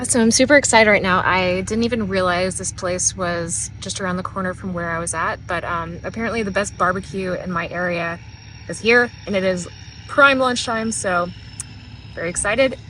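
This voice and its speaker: Music plays beneath a low-quality, slightly hissy or humming recording of a young woman from Texas, a vlogger and maker, talking cheerfully at a normal pace in a mid-range, fairly bright voice. Hoarse after a cold cost her her voice, she fills her casual vlog with "like" and "uh," filming in her car and later at estate sales.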